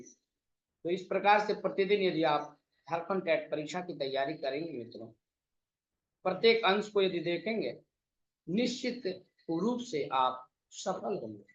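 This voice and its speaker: A man teaching an online exam-prep lesson, drawing out vowel sounds slowly and reciting verses in a chanting lilt. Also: fairly high pitch. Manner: slow, drawn-out vowel demonstrations. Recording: echoey, slightly dull sound.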